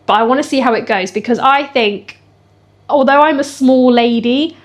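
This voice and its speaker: Chatty woman, fitness vlog. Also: fairly high pitch. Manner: chatty, emotional, laughs often. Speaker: fitness vlogger.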